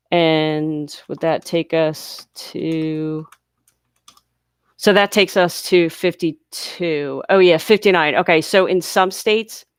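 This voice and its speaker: A chatty livestream host near a large US city takes viewer questions in a casual live Q&A, explaining each patiently and step by step. Congested from her sinuses, she has a lower, smooth, clean voice, captured close and dry with no room sound.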